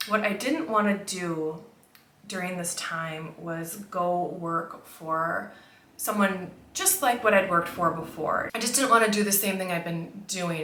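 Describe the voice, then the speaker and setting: Casting: American female beauty vlogger, slightly low pitch, reflective conversational delivery, roomy indoor sound. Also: pushed and bright. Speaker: makeup vlogger. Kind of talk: casual chat to camera.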